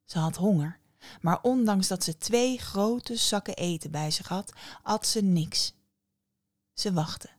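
A woman narrating a fairy tale for her podcast, calm and measured. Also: mid-range voice, no room sound, studio quality. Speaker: podcast storyteller. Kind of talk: storytelling narration.

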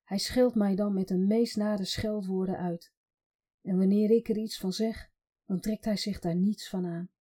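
A woman's voice: mid-range voice, fairly even intonation, measured pace, dark tone, breathy edge. A woman voicing an ashamed, worn-down mother of three boys who talks in a hesitant, self-blaming way.

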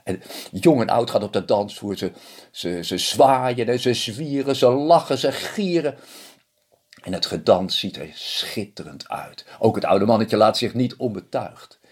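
A man telling a fairy tale, animated, with hushed dramatic pauses. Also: fairly low pitch, husky. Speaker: storyteller.

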